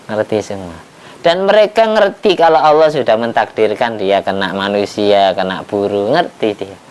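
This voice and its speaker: A man's voice: medium pitch, clear, resonant tone. A man, preaching and explaining scripture commentary in a folksy, teasing way, repeating phrases for emphasis. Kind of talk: sermon, explaining Quran commentary.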